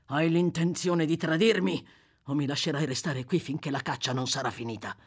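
A woman reading an audiobook voices a desperate, brutal male murderer on the run, growling low and breaking into furious shouts. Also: normal speed, slightly rough. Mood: grim dread.

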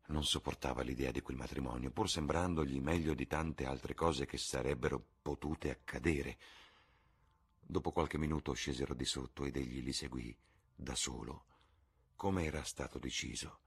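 Deep-voiced, husky male audiobook reader. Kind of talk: audiobook narration.

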